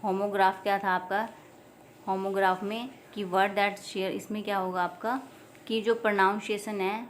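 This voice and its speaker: A woman with an Indian accent teaching an exam-prep lesson, who explains and repeats each point and reads English definitions aloud slowly. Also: medium pitch, little pitch movement, slight background noise.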